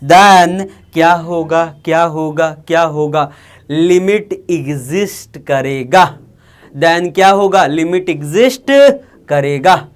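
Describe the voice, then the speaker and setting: A man's voice: fairly high pitch, fairly even intonation, takes it slowly, smooth. A man from India with a Bihari Hindi accent, teaching an online maths lecture, who repeats himself and keeps asking the class if they follow. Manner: repetitive, coaxing, asks the class often.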